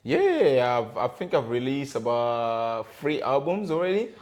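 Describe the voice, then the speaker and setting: A gospel rapper in his thirties from the Democratic Republic of Congo is a guest on a podcast, answering questions in a casual interview. He's hesitant, with many fillers and restarts. His medium-pitched voice is very animated, a little mellow and measured in pace.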